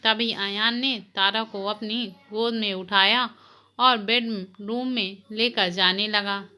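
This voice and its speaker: A woman narrating a scripted drama story in a slow, dramatic reading. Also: mid-range voice, steady tone, bright, forceful tone.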